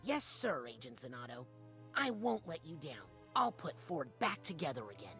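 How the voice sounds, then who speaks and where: A woman's voice: low-pitched, very animated, normal speed, music in the background. A woman voicing an earnest, hesitant young boy psychic agent in a video game. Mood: determined.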